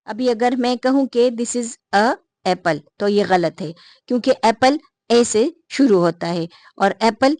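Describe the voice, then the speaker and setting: A woman with a fairly high voice teaches a grammar lesson and keeps putting questions to her students and answering them herself. She reads each example sentence slowly and with care. The recording is dry and close, with no room sound. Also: darkish tone, dry recording. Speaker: English teacher.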